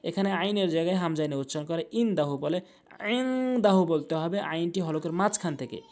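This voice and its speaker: A man teaching Quranic recitation rules, explaining mistakes briskly and chanting the verses slowly with long drawn-out vowels. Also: a little high, darkish tone. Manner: repeats corrections, contrasting wrong and right pronunciation. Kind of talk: tajweed lesson with chanted recitation.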